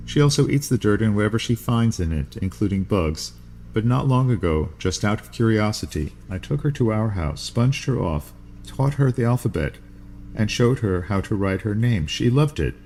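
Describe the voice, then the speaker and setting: Low-voiced man reading a novel aloud. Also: expressive, darkish tone, slight background noise. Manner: measured, unhurried first-person reading. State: sneezing from allergies. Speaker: podcast host reading a novel.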